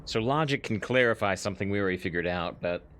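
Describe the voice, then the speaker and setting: Un uomo che commenta una partita a un videogioco in tono colloquiale, chiacchierando, leggendo i dialoghi ad alta voce e ridendo spesso. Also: male voice, fairly low pitch, fast, fairly bright tone, a little hiss or hum. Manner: chatty, laughs often, reads lines aloud. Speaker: let's play host. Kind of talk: casual gameplay commentary.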